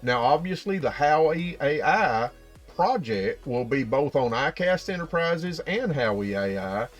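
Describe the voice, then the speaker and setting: A man's voice: mid-range voice, lively intonation, measured pace, muffled recording, soft background music. A man with an Appalachian hillbilly accent talking casually and folksily to viewers as a channel host, explaining things directly.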